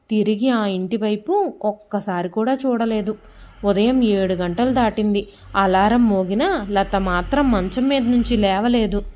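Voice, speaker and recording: A woman storyteller giving calm, measured narration of an emotional family story. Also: medium pitch.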